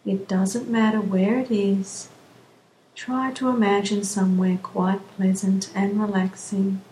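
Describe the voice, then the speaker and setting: Woman, relaxation guide, very slow soothing delivery, mellow tone, roomy echo with faint hiss. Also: mid-range voice, flat delivery. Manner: slow, soothing, drawn-out phrasing.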